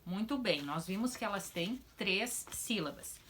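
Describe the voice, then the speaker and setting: A woman teacher giving a lesson to young pupils, stretching words out slowly into syllables in a sing-song way. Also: mid-range voice, lively intonation, a bit bright, slight background noise. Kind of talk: children's lesson.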